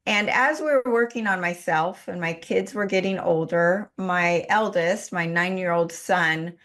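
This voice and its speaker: A woman in her forties, a guest on a podcast, earnestly telling a personal story with lively energy and frequent restarts. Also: mid-range voice. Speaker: podcast guest, health advocate.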